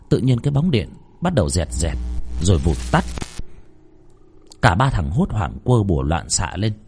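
Husky-voiced male horror storyteller. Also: lowish voice, a little mellow.

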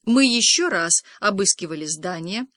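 A woman's voice: medium pitch, normal speed, dry recording, clean studio sound. Woman reading a comic novel. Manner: lively first-person storytelling, many voices. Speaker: audiobook reader.

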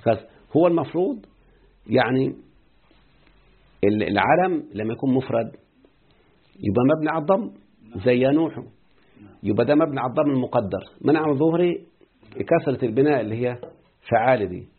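A man's voice: medium pitch, expressive, brisk, pauses often, breathy edge. A man with an Egyptian accent teaching an Arabic grammar lesson and often quizzing his students. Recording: muffled phone-like lo-fi audio.

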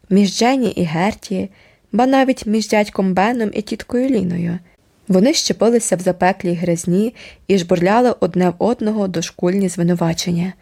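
Mellow-voiced woman reading an audiobook. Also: medium pitch. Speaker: audiobook narrator. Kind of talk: scripted audiobook narration.

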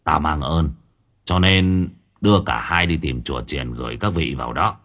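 A man voicing a gruff, blunt old male spirit master in an audio story, speaking low and muttering. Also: normal speed, a bit bright. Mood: solemn. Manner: low gruff muttering, calls others "mày".

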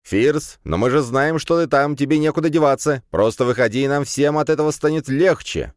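A man's voice: on the high side, brisk, no room sound, voice pushed up, natural voice. A pushy young male student from an audiobook, nagging and wheedling in a raised, strained voice, as a man puts him on. The sound is close and dry. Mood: insistent, pleading. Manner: nagging and wheedling, yelling through a door.

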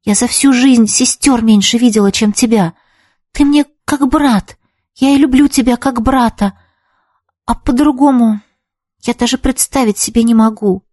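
A woman voicing a blunt, sharp-tongued teenage girl in a storybook reading, curt and mocking. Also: fairly high pitch, normal speed, no room sound, studio quality, pitched above the performer's own voice, natural voice. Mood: soft. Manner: curt, mocking, then flustered and soft.

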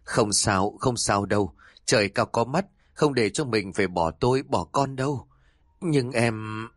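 A man's voice: mid-range voice, measured pace, no echo, studio quality, lightly acted. Man doing a frantic old man, raised and strained. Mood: tender, choked. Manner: panicked, pleading, shouting in strain. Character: desperate old man, frantic, quick-tempered, grieving.

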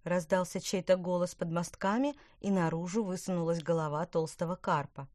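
Give me a woman with a low voice reading a children's story, evenly and clearly, recorded dry and close. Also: fairly even intonation, normal speed, darkish tone, no echo. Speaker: audiobook narrator. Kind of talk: scripted narration.

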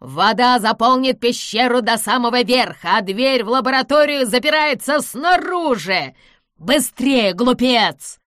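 A woman voicing a forceful angry man. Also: low-pitched, slow pace, hardly any pauses, no room sound, clean studio sound. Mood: urgent. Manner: demanding, shouting.

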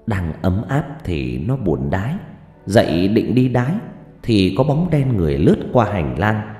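A man narrating a ghost story, slow and dramatic, hushed on suspense, with roomy reverb and faint music. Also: fairly low pitch, big pitch swings.

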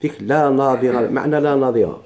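A man's voice: medium pitch, a little fast, darkish tone. A man with a Moroccan Arabic accent teaching a classroom grammar lesson, explaining step by step and asking his own questions.

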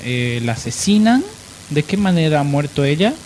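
On a noisy live radio broadcast with constant hiss, a talk host leads a discussion at normal speed. He has a voice on the high side and explains didactically, repeating phrases to drive points home.

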